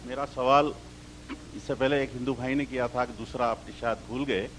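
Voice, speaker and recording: A man's voice: mid-range voice, steady tone, moderate pace, fairly bright tone, a little hiss or hum, rough recording. A man in the audience asking a question hesitantly, stumbling and restarting over names.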